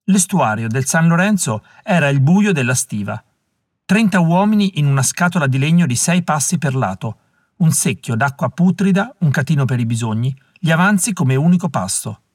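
A man narrating a novel aloud in a measured, calm reading voice. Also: on the high side, dry recording, clean studio sound. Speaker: audiobook reader. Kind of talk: scripted narration.

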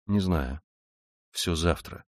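A brooding young man, sullen and curt, as a male narrator voices him. His voice sinks deep and quiet, with short, grave phrases. The recording is dry and close. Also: slow pace, no echo. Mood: gloomy. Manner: sullen, low and abrupt. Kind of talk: audiobook character reading.

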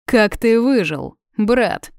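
A woman's voice: on the high side, very animated, takes it slowly, creaky, clean tone, no echo, studio quality, voice pushed up, exaggerated voice. A woman voicing a proud young male villain prince who taunts his brother, in a storybook reading. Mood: taunting. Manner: smug and taunting.

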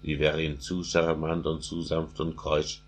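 A man's voice: a bass voice, monotone. A man reading a wise court physician. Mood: earnest. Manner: solemn, slow verse recitation.

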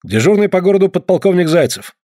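A man voicing a brisk male police duty officer on the phone, clipped and official. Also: high-pitched, animated, dark tone, dry recording, clean studio sound, voice pushed up.

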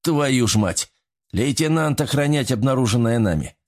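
A man's voice: mid-range voice, lively intonation, normal speed, pitched above the performer's own voice, lightly acted. A man voicing a tough male army major who gives curt orders in a raised voice, in an audiobook. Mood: urgent.

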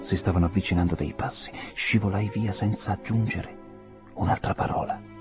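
A man reading a literary novel aloud as an audiobook narrator, measured, low and earnest, turning dramatic in the dialogue. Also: steady tone, music in the background.

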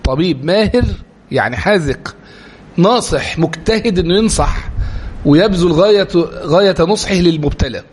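A man with an Egyptian Arabic accent lecturing to a live class, animated and full of rhetorical questions. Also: high-pitched, moderate pace, slightly rough. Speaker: religious lecturer.

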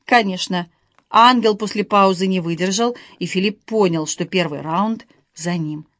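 A woman reading an audiobook in a measured, wry narration. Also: mid-range voice, fairly bright tone, no echo, studio quality. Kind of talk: scripted narration.

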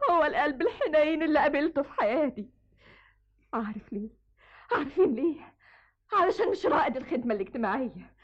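An actress in a 1970s radio drama plays a defiant, bitter young orphan girl with an Egyptian Arabic accent who accuses her father. Her high voice has lively intonation and a quick pace broken by frequent pauses. The old radio recording sounds dull.

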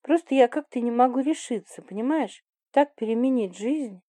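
A woman reads an earnest young schoolteacher who cannot make up her mind. Her tone is warm and dark, her delivery hesitant and anxious. The sound is dry and close. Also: fairly high pitch, moderate pace, dry recording, voice pushed up, close to an everyday voice.

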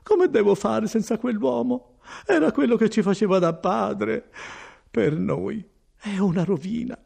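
Male reader voicing a distraught peasant mother, high and pleading, husky. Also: animated, moderate pace, dark tone. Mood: tearful. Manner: lamenting, high plaintive exclamations. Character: distraught middle-aged village mother, pleading.

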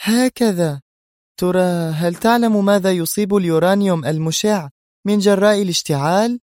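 A man reading a story aloud, voicing an angry, scheming female villain who shouts orders. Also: normal speed, dry recording, clean studio sound, lightly acted. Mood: mocking. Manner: shrill, furious, commanding.

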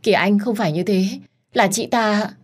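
A woman voicing a jealous young mistress, shrill and spiteful, raising her pitch well above her usual low voice. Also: normal speed, breathy edge, lightly acted. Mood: whining. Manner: shrill, whining.

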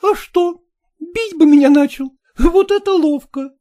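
A man voicing a petulant, hysterical young bride, reading a story aloud with sulky, ironic outbursts. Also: very high-pitched. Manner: sulky, ironic, quick to shout. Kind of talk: audiobook character voice.

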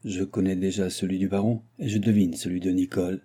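A man voicing a calm, courteous and mysterious male guest who speaks politely and measuredly, in an audiobook. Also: low-pitched, fairly quick, slightly rough. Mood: thoughtful. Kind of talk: audiobook character voice.

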